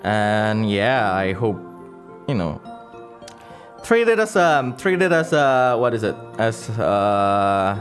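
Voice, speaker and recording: A man hosts a casual livestream, reading donations and comments while halting and rambling as he searches for words. His lowish voice has a sing-song quality, and music plays behind him.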